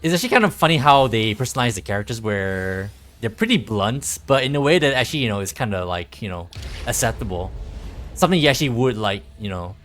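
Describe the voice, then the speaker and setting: With game music behind him, a streamer gives loose, rambling commentary on his livestream, talking casually and dropping some swear words. He sounds animated and quick, with a mid-range, fairly bright voice.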